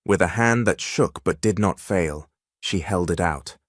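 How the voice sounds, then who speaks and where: A man reading a dramatic story as narrator in a steady, measured way. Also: low-pitched, no echo, studio quality.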